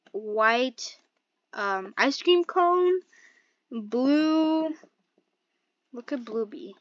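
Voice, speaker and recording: A woman giving casual gameplay commentary as a streamer, excitable, exclaiming and muttering to herself as she plays. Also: high voice, no room sound, muffled recording. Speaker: game streamer.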